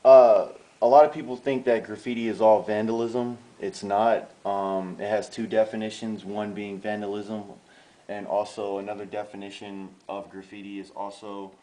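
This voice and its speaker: A man's voice: on the low side, flat delivery, moderate pace, warm tone, reverberant, poor audio. A man in his thirties from the Bronx, a graffiti artist chatting in a casual interview, rambling with many fillers. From the Bronx, New York. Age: 30s. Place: outdoors.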